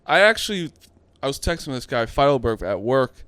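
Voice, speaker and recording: Smooth-voiced man telling a lively story. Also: medium pitch, fairly quick, no room sound. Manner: storytelling, laughs often, swears casually. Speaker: podcast co-host. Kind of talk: casual chat.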